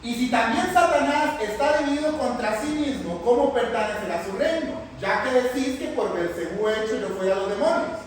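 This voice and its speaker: A man teaching a Bible class in a lively way, often putting questions to the class. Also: very high-pitched, moderate pace, few pauses. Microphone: far from the mic. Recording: echoey hall from far off, faint noise.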